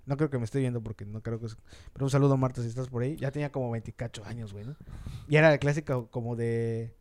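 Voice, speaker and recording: A Mexican man with a Mexican accent telling a story in fast, slangy casual chat, acting out the lines of the people in it. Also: mid-range voice, fairly even intonation, a little mellow.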